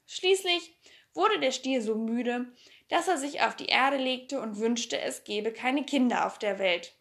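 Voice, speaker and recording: A woman reads a children's story aloud, with a high voice and a lively, expressive way of telling it. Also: a little slow. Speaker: audiobook reader. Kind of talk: storybook narration.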